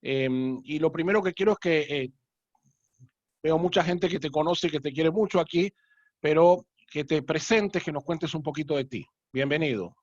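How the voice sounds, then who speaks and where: Man, rabbi hosting a video call, friendly and unhurried, slightly high voice, muffled dry audio. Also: no echo. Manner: unhurried, friendly, frequent filler sounds. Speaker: rabbi and host. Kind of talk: casual video-call interview.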